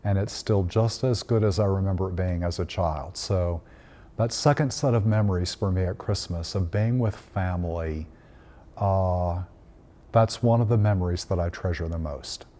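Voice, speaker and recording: A priest in his fifties from Tennessee, United States, shares a reflective Christmas story in a mellow, low voice. He is a gentle storyteller, unhurried in his delivery and frequently pausing on "uh" fillers.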